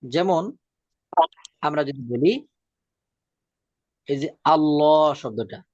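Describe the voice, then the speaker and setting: A man with a slightly raised voice teaches a Quran reading lesson. He repeats each rule patiently and stretches the example words out slowly. The recording is dry and a little dull. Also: a little high, a little mellow, no echo. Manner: drawn-out slow demonstration of words.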